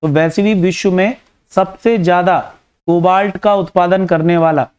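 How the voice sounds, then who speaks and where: A man with an Indian Hindi accent teaches an exam-prep map lesson in a fairly high, crisp voice. He keeps asking the class short recall questions and tags his points with "है ना". His tone is clear and smooth throughout. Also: steady tone, normal speed, darkish tone. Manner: repeats key facts as quiz questions; frequent "है ना" tag checks. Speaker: geography teacher.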